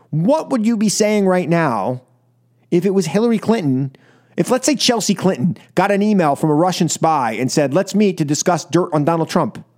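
This American man hosts political talk radio, delivering opinion monologues and taking callers. His voice is high with a darkish tone, and he speaks emphatically and with exasperation, often repeating phrases and asking rhetorical questions.

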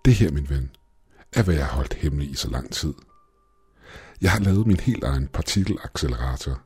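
A man voicing an obsessive, excitable young male astronomy student who talks eagerly and urgently. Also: rumbling low, breathy edge, faint music behind, heavily acted. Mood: proud.

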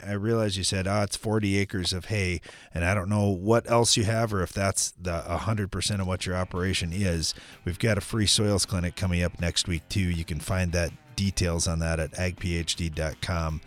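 Male farm call-in host, lowish voice, conversational advice. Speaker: farm radio show host.

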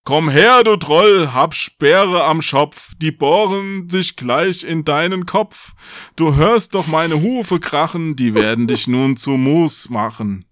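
A big, fierce billy goat, as a man puts him on while reading a storybook aloud. He bellows his challenge loudly and defiantly, pitched above a normal speaking voice. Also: slow pace, no echo. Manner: loud, defiant.

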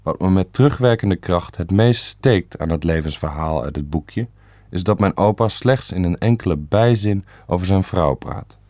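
A man narrating a family story in a calm, measured reading. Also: low voice, no echo, studio quality.

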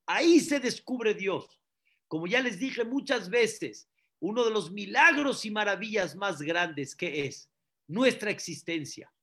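Man, rabbi, sermon, slow deliberate delivery, bright voice, rhetorical questions. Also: sits high, animated. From Mexico. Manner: preaching with repetitions and rhetorical questions.

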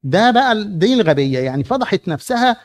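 Man doing a loud, raised Egyptian Pharisee, smug and stern, drama rehearsal. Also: high voice, lively intonation, very fast, voice pushed up. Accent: Egyptian Arabic. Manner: pompous, indignant. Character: stern self-righteous male Pharisee host.

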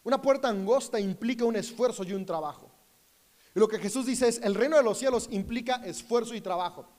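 A man with a high, bright voice preaches an earnest sermon straight to a camera. He tells a story about his own family and quotes both sides of the conversation. A long reverb trails behind his voice. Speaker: pastor.

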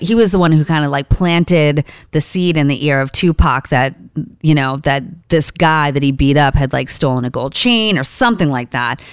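A woman co-hosts a casual chat with a low, smooth, clear voice. She talks in a loose, chatty way and swears now and then. The sound is dry and close. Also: no room sound. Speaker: podcast co-host.

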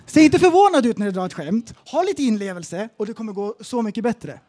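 A man with a very high voice tells comic stories on a casual podcast. He talks in an animated way and acts out the people in his stories. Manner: animated storyteller, acts out quotes. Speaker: podcast co-host. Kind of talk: casual comedic podcast chat.

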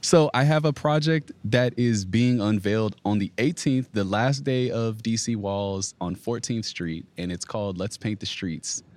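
A man's voice: fairly low pitch, a little slow, hardly any pauses, darkish tone. Laid-back muralist man from Virginia. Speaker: muralist guest. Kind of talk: casual interview.

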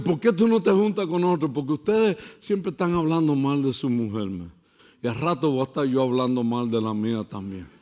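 A pastor preaching a sermon and telling stories, dropping to a hush and then building to shouts. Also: male voice, fairly high pitch. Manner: storytelling, swinging from hushed to shouting.

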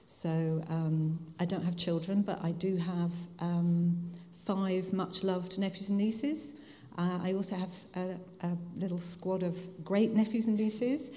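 A woman's voice: lowish voice, fairly even intonation, measured pace, hardly any pauses, warm tone. A mature woman with a Home Counties English accent, speaking reflectively and conversationally as an interview guest, explaining things to an audience. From Hertfordshire, England. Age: 50s or older. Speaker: guest speaker, spiritual director. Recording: reverberant hall.

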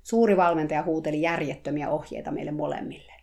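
Low, gravelly woman narrating a story. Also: fairly even intonation, darkish tone. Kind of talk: first-person story reading.

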